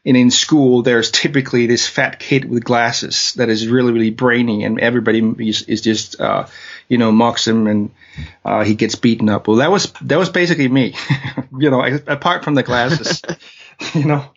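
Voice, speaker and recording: Telling his story as a guest in an interview, this man from Denmark has a mid-range, steady voice at a moderate pace and a Danish accent. His speech is halting, full of fillers and restarts, on muffled lo-fi audio.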